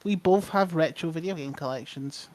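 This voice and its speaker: A man's voice: on the high side, normal speed, a little mellow, dry recording. Young man, jokey podcast co-host. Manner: jokey, laughs often, mock-indignant. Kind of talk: casual podcast chat.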